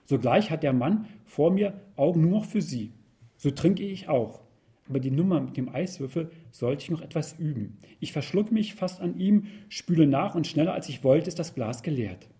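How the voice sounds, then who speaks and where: A man reading a first-person story aloud with wry, expressive storytelling. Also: a little high, normal speed. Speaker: narrator.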